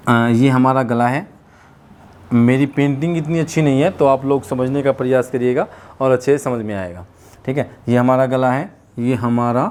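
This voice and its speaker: A young man teaching a class, explaining slowly, stretching out sounds and adding light jokes. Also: medium pitch, a little mellow. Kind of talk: classroom lesson.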